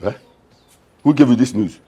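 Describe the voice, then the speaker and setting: A man's voice: medium pitch, normal speed, warm tone, slightly rough, natural voice. An actor with a Nigerian accent playing a scoffing, bossy middle-aged father in a film drama. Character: gruff scornful middle-aged father, mocking and domineering.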